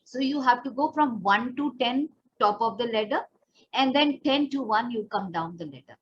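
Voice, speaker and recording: An Indian-accented woman with a fairly high, animated voice coaches a voice lesson at normal speed. She works as a pageant and personal development trainer, explaining step by step and demonstrating directly for the learner. The recording is lo-fi and dull, with a little background noise.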